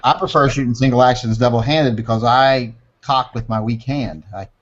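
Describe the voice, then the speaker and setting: A man's voice: mid-range voice, normal speed, highs cut off. A man co-hosting a casual chat, telling stories in a snarky, profane way. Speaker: podcast co-host.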